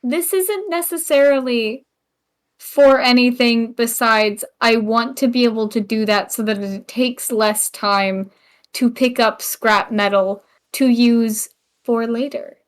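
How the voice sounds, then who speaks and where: A woman chats through a tabletop game in a sleepy, drawling voice. She jokes as she goes, and her voice sits a little high. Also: takes it slowly, smooth. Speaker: player. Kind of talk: casual tabletop game play.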